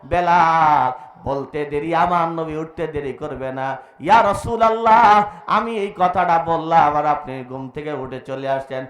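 A man preacher voicing a trembling, humble male companion who pleads in a high, strained voice during sermon storytelling. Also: measured pace, a bit bright, dull audio. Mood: pleading. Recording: echoey amplified hall.

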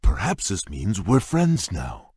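An actor playing a shy, gentle male beast prince in a game, talking in a halting, bashful way with a husky, rumbling voice. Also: wildly swooping pitch, no room sound, studio quality, exaggerated voice. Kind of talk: game voice clips.

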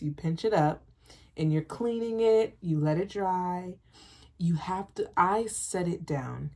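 A woman, chatting casually to camera about her day and reassuring herself, talking with her hands, in a bedroom. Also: lowish voice. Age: 20s. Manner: chatty, self-reassuring, expressive with hand gestures. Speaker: nursing student vlogger. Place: bedroom, indoors.

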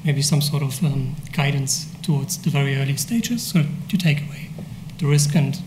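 A man from a startup company answering on a conference panel, measured and earnest. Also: mid-range voice, reverberant, noisy background. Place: conference auditorium, seated at panel table.

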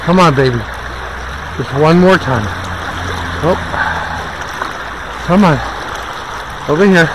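A man fishes on a wooded river while filming himself, talking casually under his breath with encouragement and exclamations. His voice is gravelly and on the high side, and river noise fills the noisy outdoor recording.

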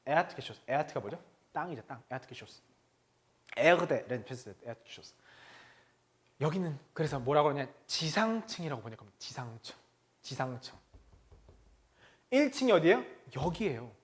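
A man's voice: a little high, very animated, unhurried, long pauses. A man teaching a German lesson to Korean learners, asking questions and answering them himself.

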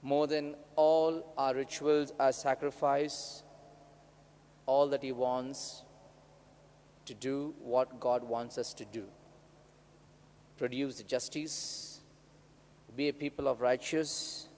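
A man in his thirties with an Indian accent, a priest reading scripture and preaching in a solemn, measured way. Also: mid-range voice, darkish tone. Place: church altar, indoors. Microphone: microphone on the altar. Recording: cathedral-like echo, long church reverb, background noise.

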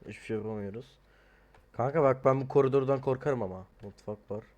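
Young guy playing a horror game, goofs around, mutters, then yells and panics. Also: medium pitch, fairly quick. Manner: jokey, swings from mumbling to loud panicked yelling. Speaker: gaming streamer. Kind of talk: horror game let's play commentary.

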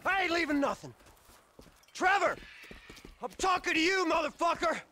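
A man's voice: very high voice, expressive, moderate pace, pushed and bright, exaggerated voice. An actor playing a jealous, strung-out young male drug user in a video game cutscene, whiny and confrontational. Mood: angry.

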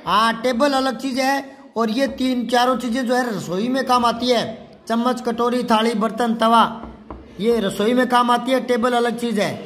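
A man's voice: extremely high pitch, steady tone, normal speed, fairly bright tone. A man teaching a children's class, patiently going through worksheet questions, asking the pupils and answering himself. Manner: spells out words syllable by syllable. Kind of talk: classroom lesson explaining a worksheet.

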